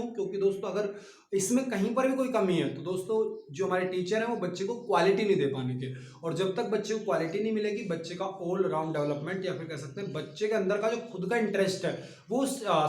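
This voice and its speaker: A man's voice: sits high, a little mellow, reverberant. A man teaching an online exam-prep lesson. He explains things patiently and keeps stopping to speak straight to his listeners. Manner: explains patiently, often stops to address the listeners directly. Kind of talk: online classroom lecture.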